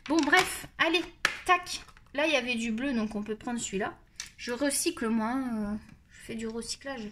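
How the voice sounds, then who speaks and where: A woman's voice: a little high, moderate pace, noisy background. A woman with a Marseille accent chatting and rambling as she tests coloring pencils on camera, mocking herself along the way. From France. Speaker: coloring channel host. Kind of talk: casual chat while testing art supplies.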